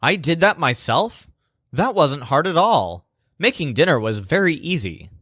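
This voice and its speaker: A man voicing an excitable man in a mnemonic story, speaking up in a raised, exclaiming voice. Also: on the high side, a little slow, no echo, clean studio sound, pitched above the performer's own voice, full character voice. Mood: amazed. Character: excitable man cooking in a fantasy restaurant.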